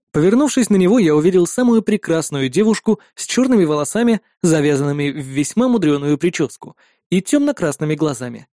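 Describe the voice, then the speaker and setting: Male audiobook narrator, high and mellow. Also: no room sound, studio quality. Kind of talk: first-person audiobook narration.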